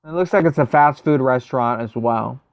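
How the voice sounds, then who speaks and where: Here a US livestream host talks through his gameplay in a chatty way, replying to viewers and musing aloud. The mid-range voice is clean and resonant, moving at normal speed, with a very dry, echo-free sound.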